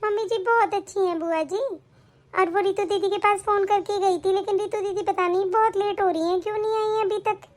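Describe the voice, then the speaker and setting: Young daughter-in-law for a cartoon story, respectful and earnest, very high voice, a woman performing. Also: steady tone, fairly quick. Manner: earnest, respectful, talks at length. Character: young new mother, tearful and polite daughter-in-law. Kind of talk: animated family story voice acting.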